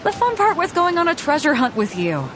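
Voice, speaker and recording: A woman with a high voice whose pitch swoops wildly speaks briskly over background noise, with game music playing beneath her. She's an actress voicing a bold, hearty, easygoing female ship captain in a game cutscene, sounding confident and laid-back and laughing easily.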